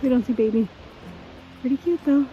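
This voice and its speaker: A woman's voice: high voice, a little fast, narrow, tinny audio, slight background noise. A woman in her twenties chatting casually while vlogging on a mountain trail, filmed on a phone held at arm's length. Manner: chatty, laughs often. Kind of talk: casual hiking vlog.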